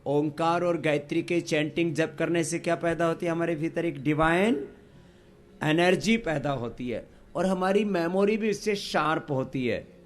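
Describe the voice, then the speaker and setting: A man teaching a yoga class, leading slow chants and having the group repeat after him. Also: a little high. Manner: slow, drawn-out chanting and call-and-response teaching. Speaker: yoga instructor.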